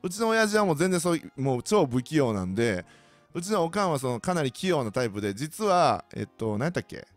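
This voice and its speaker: A man's voice: a little high, fast talker, soft background music. A man with a Kansai accent, hosting a podcast and telling joking stories in a casual way. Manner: animated, joking, mimics others' voices. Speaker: podcast host. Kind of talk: casual solo storytelling.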